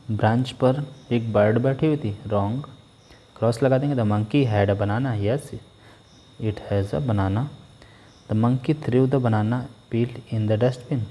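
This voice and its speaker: A male teacher with an Indian English accent. He reads English textbook lines aloud slowly and explains them quickly in Hindi. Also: fairly low pitch, dark tone, slight background noise.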